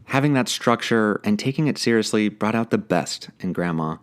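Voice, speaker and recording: A man's voice: fairly low pitch, lively intonation, normal speed, noisy background. A man narrating his podcast in a reflective, personal, plainspoken way. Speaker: podcast host.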